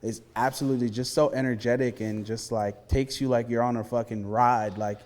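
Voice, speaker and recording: Relaxed male interviewer in a reverberant room. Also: mid-range voice, fairly quick. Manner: relaxed, many "you know" fillers. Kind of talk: casual interview.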